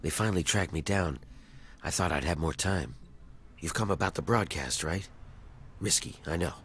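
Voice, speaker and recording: This deep, slightly bright voice belongs to an actor playing a weary fugitive in a video game, earnestly and urgently pleading with an outsider to help liberate his enslaved people, wry undertone intact. He keeps a moderate pace, heard as game audio beneath faint noise.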